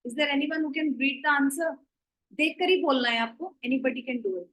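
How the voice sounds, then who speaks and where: A woman's voice: sits high, slow, fairly bright tone, poor audio. A woman teaching an online class, mixing Hindi and English as she explains and gives instructions.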